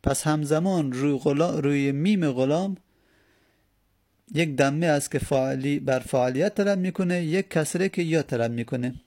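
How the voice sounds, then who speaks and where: A man with a gravelly, creaky voice gives a grammar lesson. He explains each point patiently, often posing a question and then answering it himself. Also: on the high side, a little mellow. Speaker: teacher of Arabic grammar.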